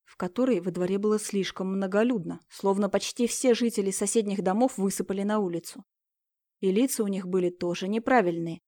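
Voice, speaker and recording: A woman's voice: medium pitch, mellow, no room sound. Woman narrating an audiobook, dry close sound.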